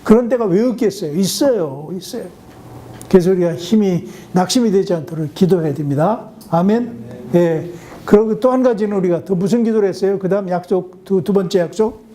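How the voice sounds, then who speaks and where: A man, a missionary pastor, preaching a sermon in a lively storytelling way, often dropping in short affirming fillers and acting out the people in his stories. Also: high voice, a little fast. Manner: lively storytelling, acts out quoted voices.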